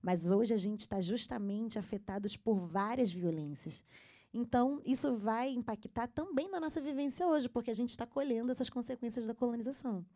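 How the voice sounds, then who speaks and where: Female panelist, mellow tone, earnest and emphatic delivery. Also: a little high, normal speed. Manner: earnest, emphatic, frequent fillers. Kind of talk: panel talk. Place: symposium stage.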